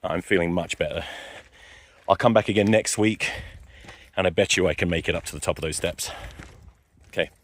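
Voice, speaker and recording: Filming himself on a cliffside staircase outdoors, a man rambles and swears into his phone in nervous self-talk, growling and worked up. His voice is low and brisk with frequent pauses, and the phone camera serving as the mic sometimes ends up in his pocket.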